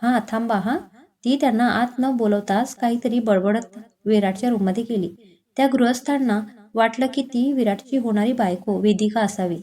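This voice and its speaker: A woman storyteller reading a romantic story in steady, expressive storybook narration. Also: on the high side, normal speed.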